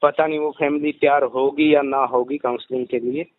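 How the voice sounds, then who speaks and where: This man, a rationalist society president taking questions by phone, speaks in a fairly high pitch with flat delivery and a moderate pace, without echo. He earnestly lays out a case and keeps coming back to his main points, all captured on a muffled, radio-like call recording.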